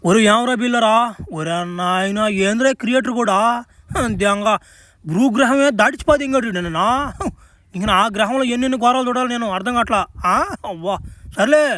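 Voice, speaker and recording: Cartoon hero lead: high-voiced man, fast profane rustic banter. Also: fairly bright tone, no echo. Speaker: cartoon voice actor playing the Flash. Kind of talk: crude comic cartoon dubbing.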